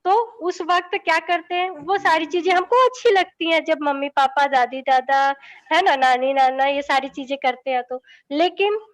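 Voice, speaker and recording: Woman, high voice, young adult, children's teacher, coaxing, keeps checking in. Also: normal speed. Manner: coaxing, asks "ठीक है?" after nearly every line. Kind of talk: lesson for children.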